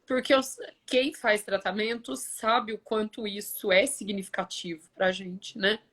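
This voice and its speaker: A woman in her forties from Brazil, speaking as a podcast guest. She takes her time, her pitch sitting in a middle range, and she throws herself into the voices of the people in her story. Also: measured pace. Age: 40s. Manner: emotional, animated retelling with quoted dialogue. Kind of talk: personal storytelling.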